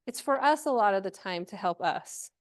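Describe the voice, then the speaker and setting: A woman leads an informal workshop for a live group, chatting warmly and encouraging people as she often checks in with questions. Her mid-range voice is expressive and moves at a normal speed.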